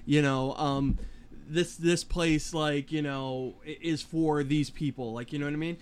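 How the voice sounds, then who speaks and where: A man's voice: a little high, fairly even intonation, unhurried, clean tone. A man in casual chat, talking emphatically with many fillers and curses. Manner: emphatic, profane, filler-heavy.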